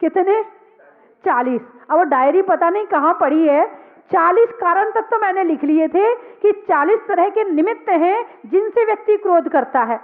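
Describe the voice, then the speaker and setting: A woman's voice: extremely high pitch, animated, moderate pace. A woman, a Jain nun, giving a sermon, asking her listeners questions and answering them herself, repeating key words. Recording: tinny phone-like sound.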